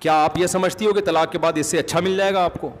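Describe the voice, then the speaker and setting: Guy giving a religious talk, kinda high voice, lots of hall echo, chatty and asks the crowd stuff. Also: steady tone, fast talker. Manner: conversational, asks listeners questions. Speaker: religious scholar. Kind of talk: religious lecture to an audience. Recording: long hall reverb.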